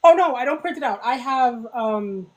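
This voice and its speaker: A woman's voice: on the high side, expressive, moderate pace, a little mellow, low-quality recording. A woman author chatting casually as a podcast guest, telling things animatedly and acting out remarks. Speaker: interviewed author. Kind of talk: casual podcast interview chat.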